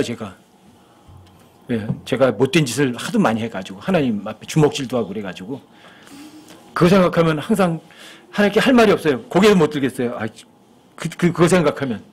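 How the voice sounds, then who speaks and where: A man's voice: on the high side, big pitch swings, brisk, long pauses, breathy edge. A male pastor preaching a sermon in church, talking conversationally and asking his listeners frequent rhetorical questions.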